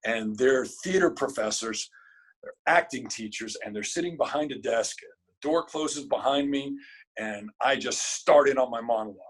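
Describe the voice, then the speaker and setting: A man, a guest in an interview, telling a story in a casual, animated and emotional way, cursing freely. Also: medium pitch, moderate pace, husky, low-quality recording.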